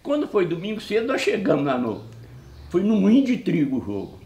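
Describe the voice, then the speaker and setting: A man's voice: high voice, fairly quick, echoey room. A man telling a funny story, acting out the dialogue and laughing as he goes. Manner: animated, acts out dialogue, laughs often. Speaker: storyteller guest. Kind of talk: casual anecdote telling.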